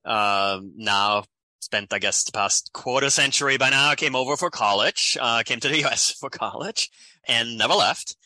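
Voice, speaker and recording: An Austrian climate economist in his forties, with an Austrian accent, speaks animatedly in a conversational interview, frequently ending sentences with "right?". His medium-pitched voice keeps a moderate pace, with no echo.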